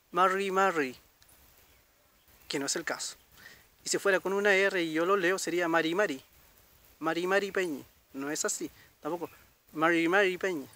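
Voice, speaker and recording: A man's voice: a little high, fairly bright tone. Patient man teaching pronunciation. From Chile. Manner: patient, repeats words slowly, checks in with "¿ya?". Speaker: Mapudungun language teacher. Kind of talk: casual spoken lesson.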